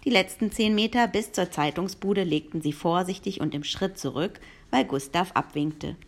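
Woman reading a kids' story aloud, fairly low voice, lively. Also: moderate pace. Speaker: narrator. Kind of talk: reading a children's novel aloud.

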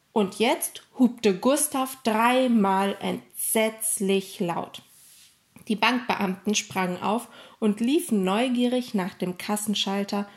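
A woman narrating a storybook in an expressive, lively reading style. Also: mid-range voice.

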